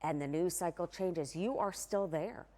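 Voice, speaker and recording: This is a woman in a broadcast news interview. She speaks as the anchor, in a voice pitched on the low side for a woman, putting questions in full, presented phrases. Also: unhurried, warm tone.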